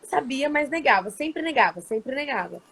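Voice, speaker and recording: A woman's voice: high voice, expressive, normal speed, fairly bright tone, slightly rough. A woman guest with a Brazilian accent, telling a story in a casual panel conversation and quoting what was said. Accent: Brazilian Portuguese.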